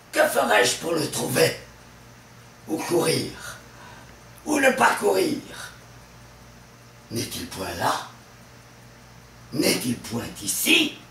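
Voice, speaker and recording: A man's voice: extremely high pitch, gravelly, bright, forceful tone, slight background noise, voice pushed up, exaggerated voice. A man voicing an old male miser, frantic and panicked over his stolen money, in a shrieking declamation. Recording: distant mic in an echoey room.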